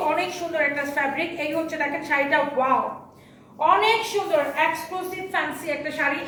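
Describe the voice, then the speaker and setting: A woman selling clothes on a live stream, repeating prices in a quick pitch, her throat sore and strained. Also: pushed and bright, reverberant, recorded from a distance, a little hiss or hum. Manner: fast repetitive sales pitch, repeats prices. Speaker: online clothing seller.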